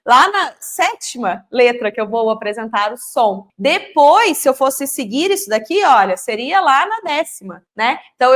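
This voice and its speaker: A woman in her thirties with a Brazilian Portuguese accent, explaining in a lesson the order for teaching letter sounds and demonstrating each sound. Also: high-pitched. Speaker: literacy teacher. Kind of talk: instructional explanation.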